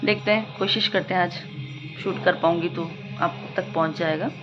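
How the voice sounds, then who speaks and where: A woman's voice: lowish voice, fairly even intonation, moderate pace, music in the background. A woman vlogging at home in a chatty, rambling, self-mocking way, talking to a handheld phone camera. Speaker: family vlogger. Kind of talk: casual home vlog chat. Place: family home indoors. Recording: slightly muffled phone audio.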